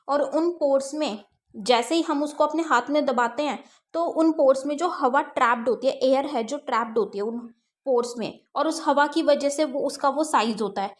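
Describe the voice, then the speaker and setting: A woman with a high, light voice teaching an exam-prep science class. She reads each textbook line slowly, then explains it plainly, asking a question and answering it herself. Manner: explains step by step, asks and answers her own questions.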